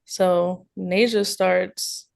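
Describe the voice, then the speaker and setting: A woman guest on a podcast, telling events in a measured, matter-of-fact way. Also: fairly low pitch, steady tone, gravelly. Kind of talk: casual storytelling.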